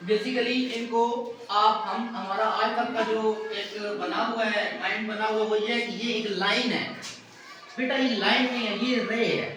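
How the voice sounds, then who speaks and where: A man's voice: sits high, fairly even intonation, a little slow, sharp tone. Patient male teacher in echoey classroom. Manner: patient, asks class to repeat answers. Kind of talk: classroom math lesson. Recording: echoey classroom from far off, faint noise.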